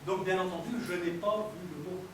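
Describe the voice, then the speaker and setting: A man's voice: high voice, fairly even intonation, fairly quick, a little hiss or hum. A man performing a live mentalism act on stage, teasing and joking with volunteers from the audience. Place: theater stage before an audience. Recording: echoey hall recorded from far off, with crowd ambience.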